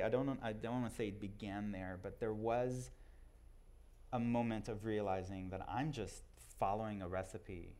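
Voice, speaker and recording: A man's voice: fairly low pitch, darkish tone. Man from Israel giving a casual talk. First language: Hebrew. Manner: conversational, self-deprecating, halting restarts. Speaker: speaker. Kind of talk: talk to a live audience.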